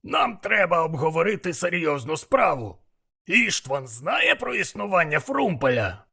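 Man putting on a gruff demon mentor, blunt, scolding, raised gravelly voice, bright raspy edge. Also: a little high, big pitch swings, moderate pace, voice pushed up, exaggerated voice. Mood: scheming. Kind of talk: audiobook character voice.

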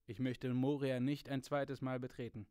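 A man's voice: medium pitch, level tone, normal speed, mellow, smooth, dry recording, studio quality, natural voice. A man reading aloud voices an earnest, weary male ranger, speaking soberly and earnestly. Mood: sombre.

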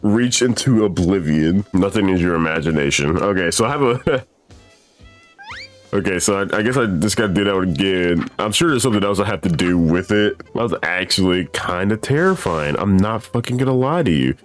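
A man's voice: low voice, expressive, moderate pace, faint music behind. A young man casually playing a horror game on stream, reading its instructions aloud, swearing and laughing nervously. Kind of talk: casual let's play commentary.

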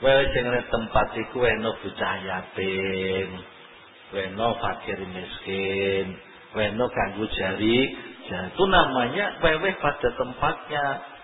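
An older man giving a lively sermon as an Islamic preacher, chuckling often. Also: on the low side, slight background noise. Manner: animated, chuckling often, slow deliberate delivery. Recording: echoey lo-fi phone-like hall recording.

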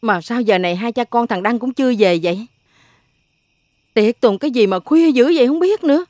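A woman's voice: on the high side, expressive, moderate pace, a little mellow, no echo, studio quality, close to an everyday voice. An actress playing a worried, superstitious older mother with a Southern Vietnamese accent, talking in a fretful, pleading way. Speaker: family matriarch.

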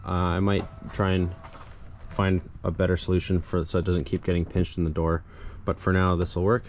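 A young adult man hosts a DIY car video, walking through a casual hands-on tutorial step by step as he works. His voice is low and darkish, fairly quick, with a completely flat delivery. He's in and beside a parked car outdoors, with clear background noise and vehicle ambience.

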